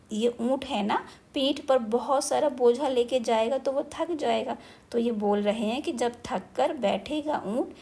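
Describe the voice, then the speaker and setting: Woman teacher for a young children's lesson, somewhat high, gravelly and husky, patient questioning. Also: darkish tone. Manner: explains slowly, asks the pupils questions; recites verse lines slowly.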